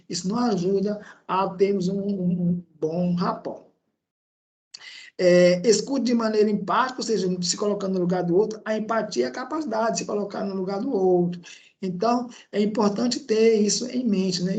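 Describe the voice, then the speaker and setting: A man's voice: high voice, darkish tone. Man, Brazilian accent, instructor, online lesson, laptop mic, conversational, hesitant fillers. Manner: conversational, frequent tag questions and hesitations. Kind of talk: online lecture. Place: indoor room at a laptop. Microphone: laptop microphone.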